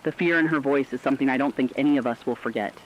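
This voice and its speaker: Playing an earnest, compassionate radio co-anchor, a man with a medium-pitched voice races through solemn, emotive scripted commentary on breaking news, acting it lightly. His mood is sorrowful and grave. The recording has a dull lo-fi radio quality with faint noise.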